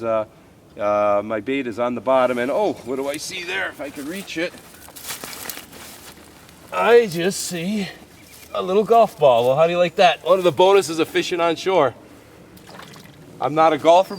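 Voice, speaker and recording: A man in his fifties with a medium-pitched voice hosts an outdoor fishing show from a creek bank, chatting to the camera in a loose, folksy style. A cold makes him sound a little stuffy, and he scatters easy "uh"s throughout while repeatedly calling his viewers "folks." A little hiss or hum sits under the audio.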